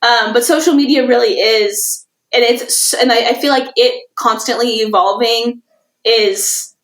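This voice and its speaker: A woman's voice: fairly high pitch, a little slow, a bit bright, roomy sound. A woman guest on a podcast, a social media manager chatting casually, rambling with lots of fillers and laughing easily.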